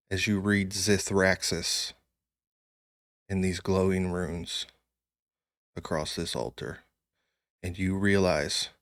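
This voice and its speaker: A man with a very deep voice narrates a fantasy game as game master. He is slow and dramatic, placing short phrases deliberately, in a dry, close recording. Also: fairly bright tone, no room sound.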